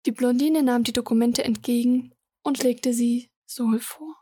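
A woman narrating her own story as a whispered role-play, soft and close to the mic. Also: fairly high pitch, fairly even intonation, a little slow, husky. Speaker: author and narrator.

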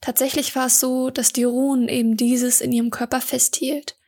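A woman narrating her own fantasy audiobook in a calm, even storytelling manner. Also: high-pitched, normal speed, breathy edge.

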